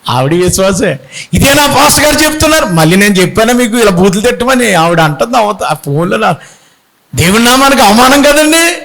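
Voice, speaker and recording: A middle-aged man preaches a Sunday sermon as a bishop, his voice sitting high for a man. He talks in an animated way, often throwing rhetorical questions out to the congregation. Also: brisk, rough recording.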